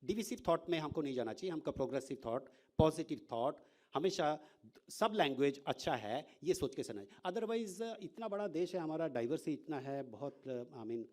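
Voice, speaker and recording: Man, professor, informal lecture, fairly high voice, lively, rhetorical questions, mixes in English. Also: moderate pace. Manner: animated, often checking in with rhetorical questions; mixes English words into his speech.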